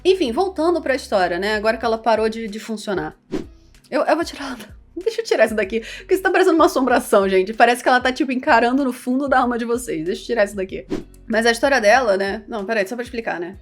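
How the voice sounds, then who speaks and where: A woman's voice: fairly high pitch, fast, faint music behind. A young woman from Rio de Janeiro with a Carioca accent, chatting animatedly and joking at herself in a casual vlog. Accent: Carioca Portuguese. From Rio de Janeiro, Brazil. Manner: animated, chatty, self-deprecating. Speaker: VTuber and content creator.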